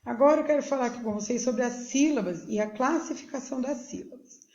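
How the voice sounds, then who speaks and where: A woman teacher with a Brazilian Portuguese accent gives a recorded lesson for young pupils, explaining slowly and patiently and often checking that they follow. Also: high-pitched, darkish tone. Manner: slow, patient, checks in with "tá joia?". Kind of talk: recorded remote school lesson. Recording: echoey room, dull lo-fi sound.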